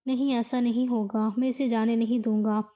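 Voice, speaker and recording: A woman voicing a desperate, guilty young married man in a spoken moral story, read in a flat, even way. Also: a little high, close to an everyday voice. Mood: anxious.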